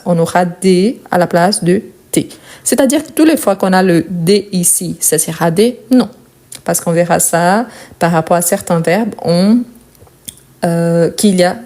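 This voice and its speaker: Mellow-voiced woman teaching French. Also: mid-range voice. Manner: repeats each verb form slowly and clearly; checks in with "ok?" and "bien". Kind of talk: explaining conjugation.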